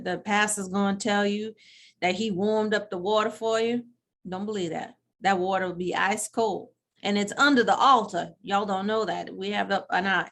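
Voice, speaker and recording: A woman's voice: medium pitch, lightly acted. A woman playing a sassy, blunt elderly grandmother from church, telling a comic story in a chatty, rambling way with many restarts. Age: older. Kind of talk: comedic character monologue.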